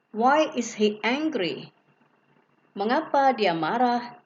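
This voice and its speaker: A woman teacher reads example sentences aloud at an unhurried, deliberate pace. The recording sounds dull and lo-fi. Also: mid-range voice. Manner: slow, careful reading, each English sentence followed by its Indonesian translation. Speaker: English teacher. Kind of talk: reading example sentences slowly.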